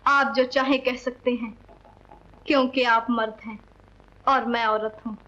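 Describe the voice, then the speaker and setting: A woman's voice: on the high side, fairly even intonation, unhurried, bright, forceful tone. An actress playing a proud, wronged young woman in a 1940s film, with formal, dignified diction. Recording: dull old film soundtrack.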